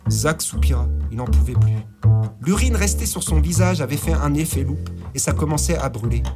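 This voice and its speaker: A man's voice: a little high, animated, normal speed, loud music behind the voice. A man narrating a gritty crime story in slangy, vivid audiobook style. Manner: slangy, vivid, voices characters. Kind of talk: audiobook narration with character voices.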